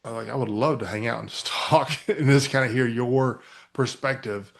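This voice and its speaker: A man in his forties with a medium-pitched, steady, creaky voice at a moderate pace. This podcast host tells a casual, rambling story full of fillers and restarts.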